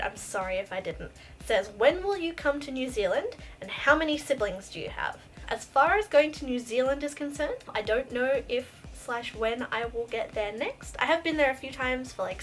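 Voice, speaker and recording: Bubbly high-voiced Australian woman. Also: fairly bright tone. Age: 30s. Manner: bubbly, giggly, chatty. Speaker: vlogger. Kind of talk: casual Q and A vlog. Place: bedroom full of plush toys, indoors.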